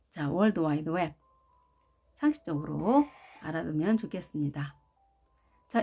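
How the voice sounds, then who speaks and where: Slow, low-voiced Korean English teacher. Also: female voice, warm tone. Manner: opens phrases with "자", drills English words slowly with stress. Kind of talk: slow, careful lesson narration.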